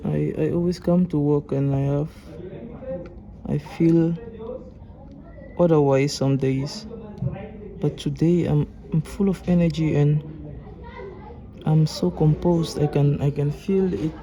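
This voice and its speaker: Gravelly-voiced Cameroonian man, flat delivery. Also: on the high side, takes it slowly, pauses often, rough recording. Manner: calm, explaining as he works, with frequent restarts. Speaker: electronics repair technician. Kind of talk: casual workshop vlog talk. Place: repair workshop.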